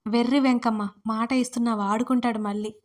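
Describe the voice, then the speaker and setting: A woman's voice: fairly high pitch, fairly even intonation, a little fast, darkish tone, close to an everyday voice. A woman narrator voicing her heroine's inner voice, a young woman who mocks and scolds her in asides. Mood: mocking.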